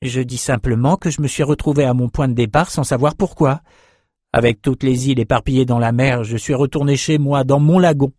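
A man's voice: mid-range voice, steady tone, fairly quick, a little mellow, no echo, clean studio sound, lightly acted. A man reading the part of a young male islander who tells, half mocking himself, how he was lost at sea. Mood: eager. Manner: earnest, self-mocking storytelling. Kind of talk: audiobook character reading.

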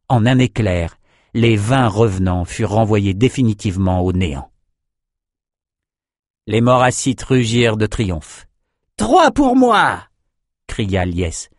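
This is a male narrator reading a fantasy audiobook with steady, even pacing. His voice sits on the low side. The recording is dry and close. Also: no room sound. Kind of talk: scripted narration.

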